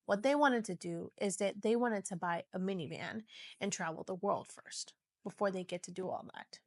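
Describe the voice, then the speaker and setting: A woman's voice: mid-range voice, normal speed, dry recording. A woman hosting a podcast, casually retelling a true-crime story in a loose, chatty way, with many "so" and "you know" fillers. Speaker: podcast host.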